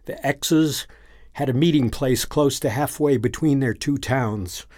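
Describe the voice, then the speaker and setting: Man, story narrator, even unhurried reading, middle pitch, dry close mic. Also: dry recording.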